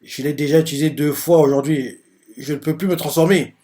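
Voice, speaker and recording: A weary, stubborn teenage boy talks plainly, barely changed from the reader's own voice, as a man reading a manga aloud plays him. His tone is flat and matter-of-fact. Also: a little high, fairly quick, close to an everyday voice. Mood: tense.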